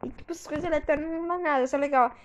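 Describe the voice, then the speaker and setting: A woman's voice: high-pitched, very fast, lo-fi sound, a little hiss or hum. A woman with a Brazilian Portuguese accent giving casual gameplay commentary, full of exclamations and frustrated outbursts. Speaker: gamer.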